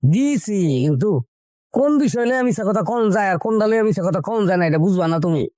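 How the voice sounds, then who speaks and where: An upset village husband. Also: male voice, high-pitched, animated, a little mellow, no room sound, studio quality. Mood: reproachful. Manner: reproachful and fast-talking.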